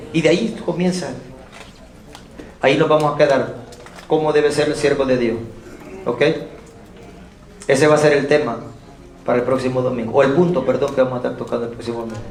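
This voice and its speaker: A man's voice: mid-range voice, fairly even intonation, fairly quick, long pauses. A male pastor preaching a sermon, calling rhetorical questions out to his congregation. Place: church sanctuary. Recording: echoey church room from far off.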